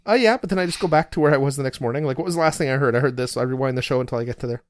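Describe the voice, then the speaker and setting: A man with a mid-range voice talks at a racing pace on a dry recording. He co-hosts a hobby podcast and chats casually in a relaxed, rambling way, restarting his sentences often. English is not his first language.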